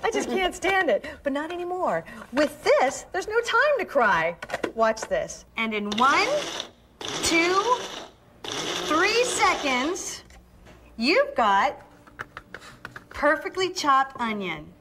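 A woman's voice: high-pitched, very animated, slow pace, long pauses, sharp tone, slight background noise, heavily acted. A woman playing a perky, emphatic housewife doing a hard-sell infomercial demonstration. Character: perky enthusiastic housewife demonstrating a kitchen gadget. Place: studio kitchen set.

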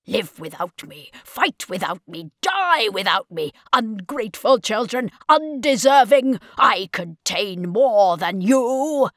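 A woman's voice: mid-range voice, lively intonation, no echo, studio quality, voice pushed up. A woman doing a bitter old male scientist. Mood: defiant. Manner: hushed, slow, brooding. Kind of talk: audiobook character voice.

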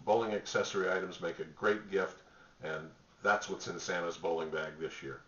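A middle-aged man pitching gift products to the camera from a small home office, relaxed and rambling with many fillers. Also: moderate pace. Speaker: store spokesman presenting products. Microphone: webcam at desk distance. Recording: roomy, distant, dull webcam audio.

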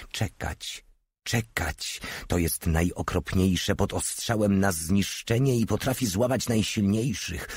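A man narrating an audiobook in a steady, measured reading. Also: sits low, husky, no room sound. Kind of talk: scripted narration.

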